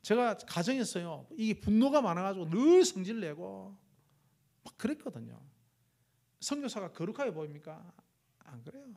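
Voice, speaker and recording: A middle-aged man preaching a sermon in a church as a missionary, telling a lively story and acting out the words spoken in it. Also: sits high, moderate pace, creaky. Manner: lively storytelling, acts out his own and God's words. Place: church sanctuary.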